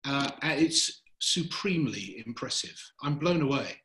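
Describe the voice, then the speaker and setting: A man mentor giving feedback on a video call, earnest and measured, stumbling over his words as he praises the work. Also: medium pitch, animated, sharp tone. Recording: echoey room.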